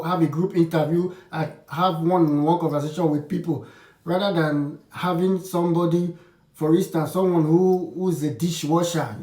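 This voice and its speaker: Talking to camera, this vlogger offers his viewers casual advice in a mellow voice on the high side. His take is frank and opinionated, and he frequently starts sentences over. There's a roomy echo, as he sits far from the microphone.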